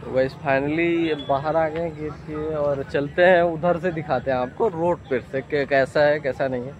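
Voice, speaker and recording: This walking vlog features a young man addressing his viewers in a chatty way, phone held out at arm's length as he passes a highway and fields. His voice is a little high and fairly even, and he talks a bit slowly. Faint outdoor noise runs under dull lo-fi phone audio.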